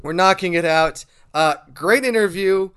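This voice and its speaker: A man's voice: high-pitched, unhurried, a bit bright, smooth. A man hosting a casual podcast chat, joking around and rambling in a self-deprecating way. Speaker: podcast host.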